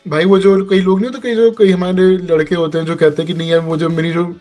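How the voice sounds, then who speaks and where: Joking man with a slightly high voice. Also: little pitch movement, quick pace, a little mellow, faint music behind. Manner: jokey banter, mixes in English phrases. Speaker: podcast co-host. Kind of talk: casual wrestling review chat.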